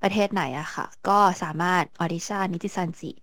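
A woman's voice: fairly low pitch, steady tone, normal speed, fairly bright tone, no echo. A woman explaining things politely in a casual chat as a guest fan.

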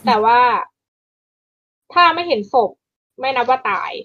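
A woman's voice: high voice, measured pace, pushed and bright, dull audio. A woman co-hosting a casual podcast chat, talking things through, often restarting and repeating words as she explains. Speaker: podcast co-host.

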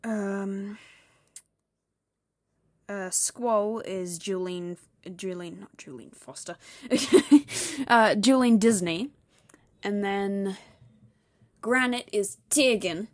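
A young woman hosting a casual solo podcast, rambling and chatty, talking fast and laughing often. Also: medium pitch, no echo, clean studio sound. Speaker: podcast host.

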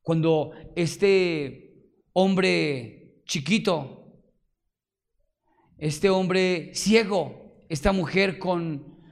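In a creaky voice, a man preaches to the congregation, throwing out rhetorical questions. He alternates between shouted exclamations and hushed murmuring.

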